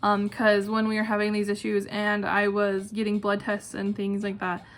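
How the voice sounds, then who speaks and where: In a monotone, medium-pitched voice at a moderate pace, a young woman runs through questions for her video channel in one casual take. She's informal and quick to laugh at herself. The indoor home setting carries a clicking ceiling fan, plus what may be neighbors talking outside.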